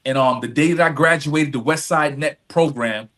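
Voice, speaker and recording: Here a man with a higher pitch and fairly bright tone speaks at normal speed as a podcast guest. An advocate for community service, he tells reflective personal stories conversationally, sounding earnest and emphatic, repeating himself and frequently asking "right?".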